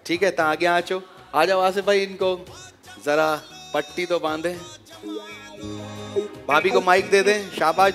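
A high-pitched man runs a lively game show, barking playful orders and jokes. His voice rings out in a large reverberant hall. Music plays clearly underneath. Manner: teasing, bossy, jokey running commentary.

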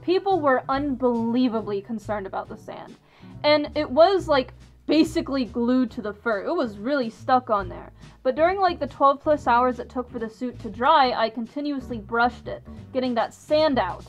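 A woman's voice: sits high, animated, moderate pace, faint music behind. A woman chatting casually through a fursuit head, laughing often as she tells her story. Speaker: vlogger, fursuiter. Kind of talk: casual chat.

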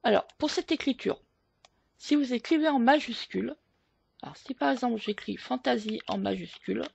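A woman hosting a photo editing tutorial, explaining each step slowly with hesitant fillers. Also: fairly high pitch, vocal fry, a little mellow, lo-fi sound, a little hiss or hum. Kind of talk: screen-recorded software tutorial.

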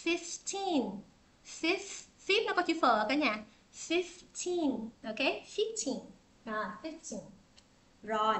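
High bright chatty woman teacher. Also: lively intonation. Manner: chatty, drills words by slow repetition; laughs often between drills. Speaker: English teacher. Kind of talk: livestream pronunciation lesson. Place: indoors. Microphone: tablet microphone.

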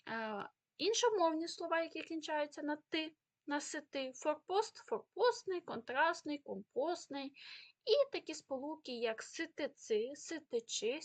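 A woman with a high, light voice and a Ukrainian accent teaches an exam prep lesson. She explains rules step by step, with filler pauses. She reads out example words one at a time with clear stress. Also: big pitch swings. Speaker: Ukrainian language tutor.

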